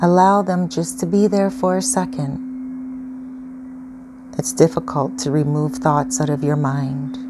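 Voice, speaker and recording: A woman leading a calm guided grounding exercise as a meditation guide, giving patient, step-by-step instructions. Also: deep voice. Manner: slow, patient, instructional phrasing. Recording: clearly noisy ambient background.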